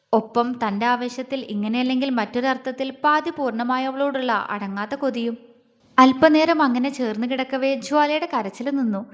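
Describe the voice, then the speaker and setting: A woman storyteller narrating a romance audio story in a soft, steady, intimate way. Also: high-pitched, big-room sound.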